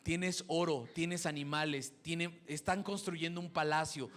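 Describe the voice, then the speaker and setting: A man's voice: fairly high pitch, fairly even intonation, a little slow, a bit bright. A man preaching a sermon, telling a classroom story and acting out the parents he quotes. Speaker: preacher and schoolteacher.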